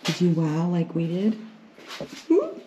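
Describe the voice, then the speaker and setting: A woman's voice: fairly low pitch, wildly swooping pitch, slow, dark tone. A woman chatting and teasing as she walks through a cave on a vlog tour, her voice ringing with cave echo. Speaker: vlogger. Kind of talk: casual tour vlog chat. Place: inside an echoing cave. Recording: echoey cave with faint noise.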